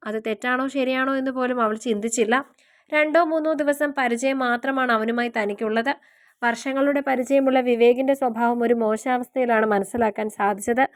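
High-voiced woman reading a novel. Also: no room sound, clean studio sound. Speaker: storyteller. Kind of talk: audiobook novel narration.

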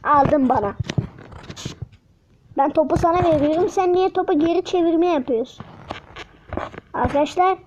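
A woman's voice: very high-pitched, a little fast, long pauses. A woman doing casual, chatty gameplay commentary as a channel host, with a speech impediment that turns r into l or y. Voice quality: speech impediment, cannot pronounce r, substitutes l or y. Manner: chatty, exclaiming and muttering to self while playing. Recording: dull lo-fi mic with loud noise.

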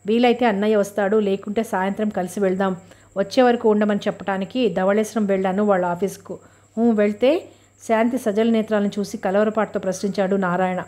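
A woman reads a novel aloud as an audiobook narrator, her voice sitting at an ordinary middle pitch. She voices the dialogue of every character without putting on new voices, keeping a calm, even storytelling delivery. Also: a little fast.

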